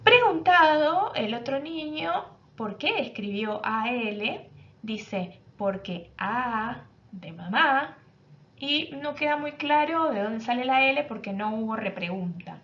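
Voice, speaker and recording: Woman prof explaining a class step by step, fairly high voice, kinda muffled recording. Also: a bit bright. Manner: explanatory, with rhetorical questions. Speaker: university lecturer. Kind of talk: recorded lecture. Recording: dull lo-fi audio with faint noise.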